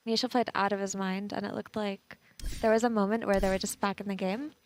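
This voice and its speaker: A woman's voice: mid-range voice, flat delivery, a little fast, a little hiss or hum. A woman on an esports panel analysing a match, out of breath and chatty, repeating words as she thinks aloud.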